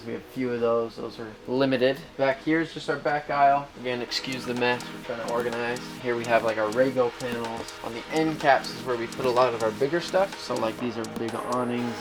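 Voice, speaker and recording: A man's voice: medium pitch, steady tone, brisk, few pauses. A man talking casually and off the cuff as a manager walking someone through a workplace, pointing things out as he goes. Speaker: warehouse manager giving a tour. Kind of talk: casual walk-through tour talk. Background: background music.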